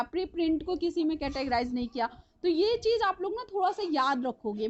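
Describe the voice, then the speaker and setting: A woman's voice: very high voice, a little mellow, dull audio. A woman teaching a live online class, chatty and repetitive, often checking that her students are following.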